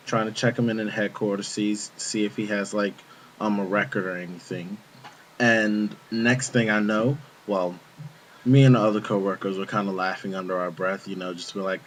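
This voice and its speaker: A man's voice: on the low side, slight background noise, rough recording. A young man casually telling a rambling story from his job, quoting himself and his coworkers as he goes. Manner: rambling, chatty, quotes himself and others. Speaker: vlogger telling a work story.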